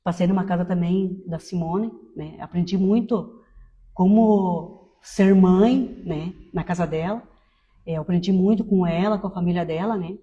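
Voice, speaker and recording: A woman in her fifties giving a personal testimony in a conversational way, tagging many phrases with quick questions. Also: fairly low pitch, big-room sound, muffled recording. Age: 50s. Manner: conversational, tag questions after most phrases. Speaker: testimony speaker.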